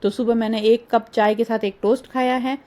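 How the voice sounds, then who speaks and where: A middle-aged woman chatting through a casual vlog voice-over, rambling and homely, her voice a little hoarse. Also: on the high side, level tone, fairly quick, a little mellow. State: slightly hoarse. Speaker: vlogger. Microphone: phone.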